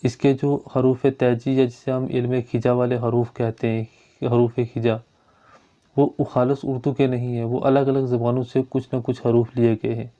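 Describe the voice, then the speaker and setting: A man teaching a grammar lesson in a very flat, even voice that stays on one note. His tone is dark and mellow, and he explains patiently step by step, going over points again. The recording sounds dull and lo-fi. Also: medium pitch.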